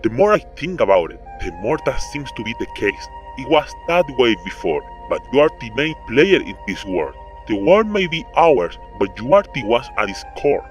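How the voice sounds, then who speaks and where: Calm, mocking male fallen angel lord in a deep voice-changer pitch, read by a narrator, slow and philosophical, with an animated rise and fall. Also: faint music behind. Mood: musing. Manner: slow, musing, philosophical delivery. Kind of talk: quoting game dialogue.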